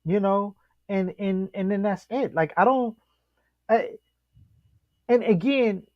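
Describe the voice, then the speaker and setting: Man, lively storyteller, dry close sound, slightly dull lo-fi audio. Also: slow pace, no echo. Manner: animated storyteller, acts out quotes with big pitch jumps. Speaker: podcast co-host. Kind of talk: casual chat.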